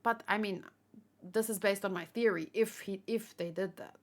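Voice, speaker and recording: A livestream host with a mid-range voice talks at a moderate pace, worn out after hours on air. She chats casually with her live viewers, rambling as she thinks aloud through fan theories.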